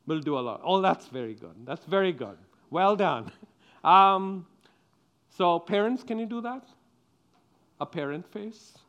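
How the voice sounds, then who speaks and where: Slow, high-voiced pastor teaching children. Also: male voice, expressive, a bit bright, clear, resonant tone, dull audio. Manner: playful, coaxing, asks the congregation questions. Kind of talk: children's sermon.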